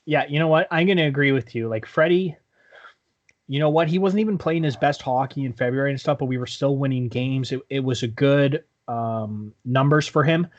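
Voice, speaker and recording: A man's voice: mid-range voice, brisk, dull audio. A man with a mid-range voice co-hosts a casual sports podcast. He gives blunt opinions, swears often and leans on the filler "like". His talk is loose and conversational. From Canada. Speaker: podcast co-host.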